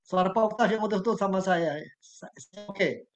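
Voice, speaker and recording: High-voiced man on a choppy call line. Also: soft background music. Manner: chatty, halting, checking whether he can be heard. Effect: choppy, breaking-up video call audio from an unstable internet connection. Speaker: pastor giving a webinar talk. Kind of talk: casual conversational talk on a video call. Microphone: computer or phone mic on a video call. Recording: dull lo-fi online call audio.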